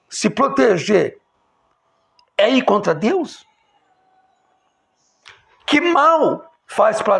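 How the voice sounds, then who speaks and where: Gravelly, animated preacher man. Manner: emphatic, swinging from loud exclamations to low quiet lines. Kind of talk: impassioned religious sermon.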